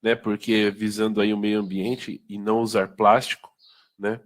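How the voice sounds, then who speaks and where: Low-voiced Brazilian man explaining products. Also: level tone, moderate pace. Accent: Brazilian Portuguese. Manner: conversational, many fillers and tag questions. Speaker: product presenter. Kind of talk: informal sales training talk.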